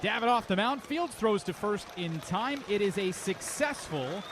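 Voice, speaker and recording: In a high, animated voice at normal speed, a man calls a baseball game live on radio as the play-by-play announcer, describing the action in detail. A crowd and clear outdoor ballpark ambience can be heard behind him.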